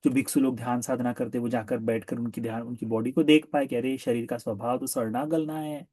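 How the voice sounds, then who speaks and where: A male Buddhist monk tells a moral story in a lively sermon, often turning to his listeners with questions. He repeats words for emphasis, his voice mid-pitched, in a dry close recording. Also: a little fast, dry recording. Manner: animated, asks listeners rhetorical questions; repetitive for emphasis.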